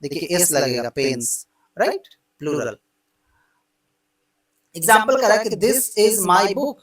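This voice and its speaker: An Indian man teaches English grammar at an unhurried, deliberate pace. He explains in Hindi and reads each English example out word by word. He sounds set back from the mic in an echoey room. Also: high voice, recorded from a distance. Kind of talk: grammar lesson.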